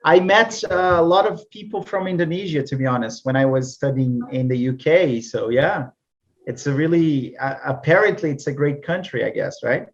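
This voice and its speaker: A Brazilian-born man chatting casually as a guest on a video call, friendly and quick to laugh. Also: fairly high pitch. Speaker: guest speaker. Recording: dull lo-fi call audio.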